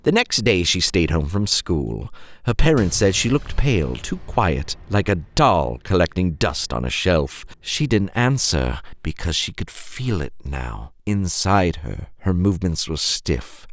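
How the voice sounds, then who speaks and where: The narrator is a low-pitched man hosting a horror tale in a theatrical, suspenseful manner, with playful side comments and dramatic pauses. No room sound is audible.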